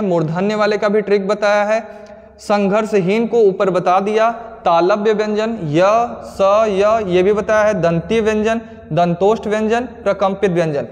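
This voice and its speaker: High-voiced male teacher, echoing hall. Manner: explains step by step, asks and answers his own questions. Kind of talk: exam-prep grammar lesson. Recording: long hall reverb.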